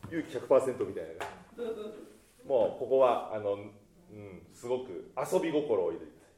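Animated male choir conductor. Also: on the low side, normal speed, roomy sound. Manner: animated, sings demonstrations mid-sentence. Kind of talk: choir rehearsal instruction. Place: rehearsal room with choir.

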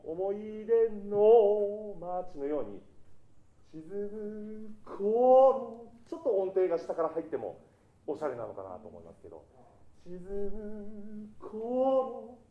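Heard through phone-quality, reverberant audio, this choir conductor is very animated, his voice sitting high at normal speed. He cheers the singers on and demonstrates by singing brief phrases himself.

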